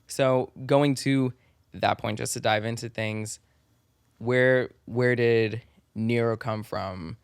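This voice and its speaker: A man's voice: medium pitch, steady tone, slow pace, clean tone, no room sound, studio quality. A man hosting a podcast interview, chatting effusively with a guest and using casual slang. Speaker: podcast host.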